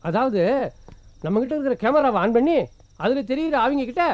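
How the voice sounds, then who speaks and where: An actor playing a scheming, flirtatious constable in a comedy film. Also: male voice, extremely high pitch, animated, a little fast, dry recording. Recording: dry, dull film audio.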